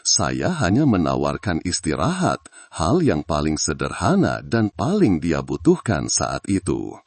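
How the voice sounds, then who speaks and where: A humble old villager past sixty, as a deep-voiced storyteller puts him on, speaking politely and plainly with a lively lilt. The voice is husky and low, recorded dry and close. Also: male voice, dry recording, exaggerated voice. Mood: calm, plain. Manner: polite, plain-spoken, unhurried.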